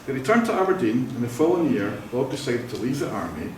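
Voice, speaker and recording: This Scottish man, a wedding celebrant, fills a church hall with a cheerful vow renewal speech full of family stories and frequent laughter. He speaks fast in a medium-pitched, sing-song, slightly mellow voice. The room echoes, the mic is distant, and there's a little background noise.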